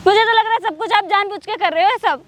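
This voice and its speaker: A woman's voice: very high-pitched, fast. A woman playing a desperate young woman who pleads, argues and cries to get her father freed. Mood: pleading. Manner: pleading, tearful. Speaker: victim in a short film.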